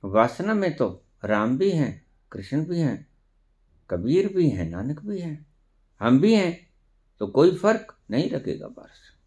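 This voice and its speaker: A man's voice: on the high side, big pitch swings, slow pace, pauses often, mellow. A man giving a spiritual discourse, preaching emphatically with rhetorical questions and dropping in English phrases. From India. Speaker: spiritual teacher.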